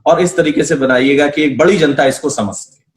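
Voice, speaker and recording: A man's voice: a little high, a little fast, reverberant. A man interviewing a guest, asking questions politely and calling him sir. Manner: polite, brief acknowledgements, addresses guest as sir.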